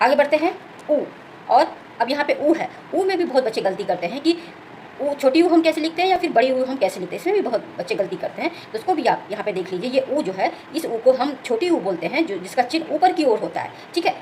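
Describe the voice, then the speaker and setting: Fast-talking woman teacher, high voice. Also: darkish tone, a little hiss or hum, rough recording. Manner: explains step by step, often asks "clear?" and says "okay". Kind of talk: Hindi grammar lesson.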